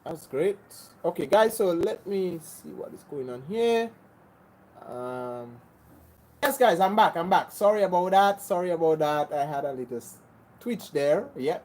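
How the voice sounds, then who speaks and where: Unhurried and animated, the darkish mid-range voice of a Grenadian livestream host addresses viewers with real earnestness. It's casual chat answering their questions, marked by repeated and restarted phrases and an insistent, preachy edge.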